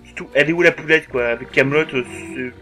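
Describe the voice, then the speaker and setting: A man's voice: a little high, fast, pushed and bright, faint music behind. A man giving casual let's-play commentary over a game, jokey and crude, swearing often and humming along.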